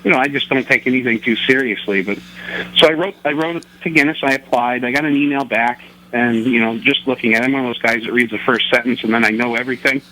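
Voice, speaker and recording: A man's voice: mid-range voice, quick pace, pushed and bright, a little hiss or hum, rough recording. A middle-aged man telling rambling, joking, self-deprecating anecdotes as a radio interview guest. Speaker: interview guest, record holder.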